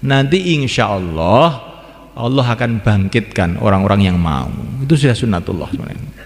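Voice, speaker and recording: A man with a fairly low, expressive voice delivers an Islamic sermon at a normal pace, his words echoing through a reverberant hall. He speaks repetitively, returning to phrases and slipping into chanted, sing-song lines of the call to prayer.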